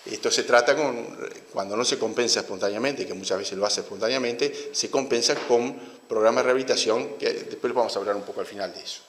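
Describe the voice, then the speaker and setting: A man with a Uruguayan Spanish accent giving an academic lecture, halting and restarting his phrases often. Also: medium pitch, a bit bright, slight background noise. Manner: halting, with frequent restarts and fillers. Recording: roomy hall with long reverb.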